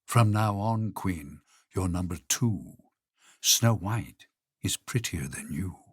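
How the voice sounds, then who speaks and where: A man voicing a calm, solemn magic talking mirror in a lower, quieter voice. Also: husky, no echo, clean studio sound, exaggerated voice. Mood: grave. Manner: low, measured, grave.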